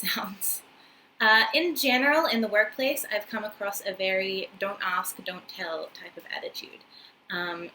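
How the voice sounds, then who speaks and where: A woman in her twenties with a New Zealand accent, a vlogger who teaches English in Japan, chats casually and warmly to the camera with plenty of ums and uhs. Her mid-range voice sounds pushed and bright. The rough recording, made close up in a small indoor room with a wooden floor and paper screens, carries slight background noise.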